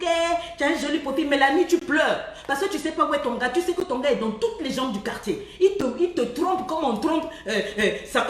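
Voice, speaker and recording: A woman giving a lively, preachy love-coaching talk. She laughs often and mimics the people she talks about. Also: high-pitched, reverberant, far from the mic. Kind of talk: live-streamed motivational talk.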